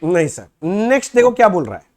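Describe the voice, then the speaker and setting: A man's voice: sits high, sing-song. A man teaching accounting in a casual classroom lecture, chatting. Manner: conversational, reads questions aloud slowly and loudly.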